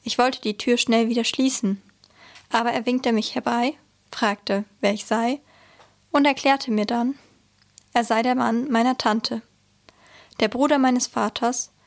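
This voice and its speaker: A woman reading a first-person memoir aloud in a measured, earnest way. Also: a little high, steady tone. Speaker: reader.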